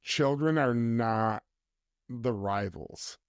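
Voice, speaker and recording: A man speaking as a mental health counsellor guest on a podcast, explaining in a measured way. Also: mid-range voice, clear, resonant tone, no room sound, clean studio sound. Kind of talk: podcast interview conversation.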